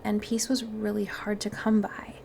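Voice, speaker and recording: A woman's voice: medium pitch, completely flat delivery, normal speed, vocal fry, a little mellow, a little hiss or hum. A woman with a Wisconsin accent hosting a self-help podcast, talking in a chatty, earnest and playful way straight to her audience. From Wisconsin, United States. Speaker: podcast host.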